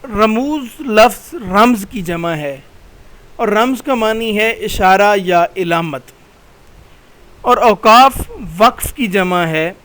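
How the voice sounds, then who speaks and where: A man's voice: sits high, takes it slowly, a bit bright. A middle-aged man with a Pakistani Urdu accent, teaching a recorded slide lecture, patient and explanatory, repeating key terms.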